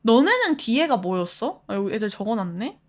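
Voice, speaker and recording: 활기찬 높은 목소리의 여성 스트리머. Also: female voice, on the high side, fairly quick. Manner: animated, laughs often, reads chat aloud. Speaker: streamer. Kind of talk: casual live-stream chat with viewers.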